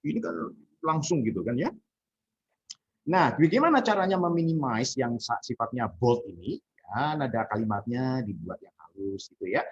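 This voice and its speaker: A middle-aged man giving a university lecture, his husky voice rising and falling in lively swings as he acts out example lines. He mixes English phrases into his explanations. The recording sounds dull and lo-fi. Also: mid-range voice, moderate pace. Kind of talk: university lecture on politeness strategies.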